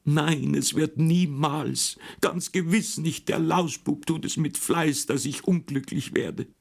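A petulant teenage girl sobs and complains in a raised, whiny voice, as a male narrator puts her on. It sits high above his low reading voice, in a storybook reading. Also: slow pace, gravelly, heavily acted. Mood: tearful.

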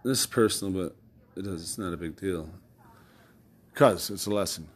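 A man with a low, slightly rough voice talks casually at a normal pace. His monologue rambles loosely as he recounts things, swearing and chuckling along the way.

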